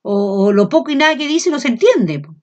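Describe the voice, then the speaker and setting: A woman's voice: on the high side, big pitch swings, a little fast. Chilean woman teacher, lo-fi lecture. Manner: frequent checks of "¿ya?" and fillers; speaks loud without shouting. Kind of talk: classroom lecture.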